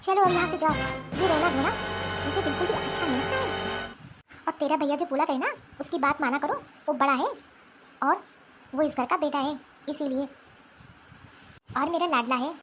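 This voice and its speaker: A woman's voice: high voice, normal speed, long pauses, over music, close to an everyday voice. A woman voicing a stern older grandmother who scolds a girl in a cartoon. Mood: scolding. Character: stern old grandmother favoring the boy.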